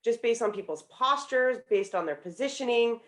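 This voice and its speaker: A woman's voice: on the high side, lively intonation, normal speed. A woman in her thirties, a professor and author appearing as a guest, explaining her points fluently and confidently. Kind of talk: interview answers.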